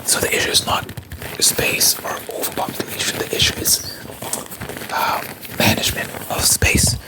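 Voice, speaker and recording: An ASMR host from South Africa whispering fast, talking through opinions in a rambling way with halting restarts. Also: rough recording.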